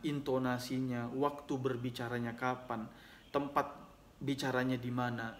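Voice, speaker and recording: A man's voice: medium pitch, slight background noise. A man giving a religious lesson, reciting Arabic hadith text and then explaining it at length, often adding "ya" between phrases. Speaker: Islamic teacher.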